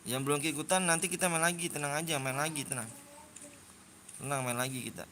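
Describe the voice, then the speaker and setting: Fast and sharp-toned, a fairly high-pitched man in his twenties banters on a game livestream, hosting custom game rooms. His Jakarta Indonesian accent colors slangy, repetitive talk as he lectures viewers on manners, and a little hiss or hum runs underneath.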